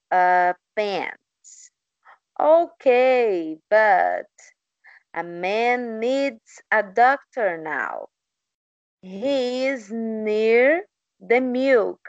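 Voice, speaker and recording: Woman student on a video call, very slow and hesitant, dry close sound. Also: medium pitch, dry recording, muffled recording. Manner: slow, careful, hesitant reading aloud.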